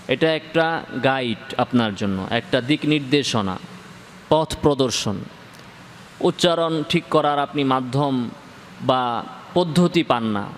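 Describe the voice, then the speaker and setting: A man's voice: on the high side, fairly bright tone, a little hiss or hum. A man teaching a tajweed pronunciation lesson in Bengali, repeating points and stressing key words. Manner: explains with repetition and rising emphasis. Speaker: Quran recitation teacher.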